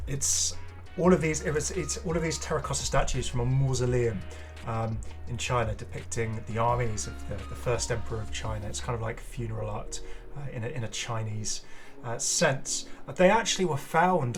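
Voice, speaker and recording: A man hosts a gaming video with casual, chatty, enthusiastic showcase commentary and rambling asides, music playing behind him. His voice is medium-pitched at normal speed, with hardly any pauses.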